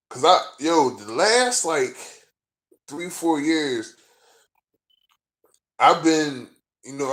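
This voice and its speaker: A man vlogging as a sports fan, ranting in a profane, frustrated and rambling way, full of fillers. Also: on the high side. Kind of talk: casual rant to camera.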